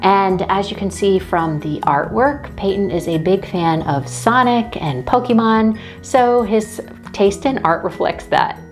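Woman, home tour voice-over, homey and unhurried, soft music underneath. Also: mid-range voice. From Texas. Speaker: home vlogger. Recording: faint background music.

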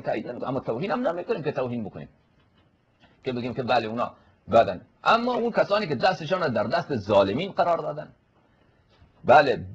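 A male cleric giving a forceful, polemical religious lecture, answering a questioner and quoting Arabic scripture. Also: mid-range voice, slightly rough, highs cut off.

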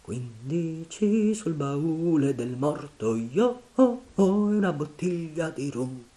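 A man voicing an eerie unseen voice calling from the trees, thin, trembling and drawn-out, in an audiobook reading. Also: fairly high pitch, sing-song, mellow, pitched above the performer's own voice.

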